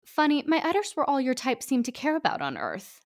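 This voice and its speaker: A woman's voice: high-pitched, huge pitch swings, a little fast, voice pushed up, full character voice. A woman reading a storybook, voicing a dry, pitying female cow waiting at the gates of heaven. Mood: wry.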